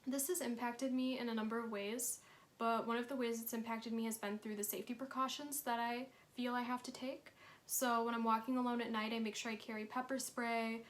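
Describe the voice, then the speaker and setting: A woman's voice: on the high side, little pitch movement, brisk. A twenty-one-year-old woman, a sociology student, speaking composedly and articulately in an interview. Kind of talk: personal testimony. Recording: noisy with clicks.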